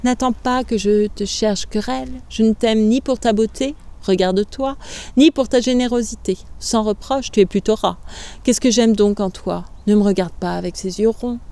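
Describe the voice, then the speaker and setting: A woman voicing a sly, cruel sixteen-year-old girl who taunts in a soft, low voice, in a storybook reading. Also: moderate pace, natural voice. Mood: taunting.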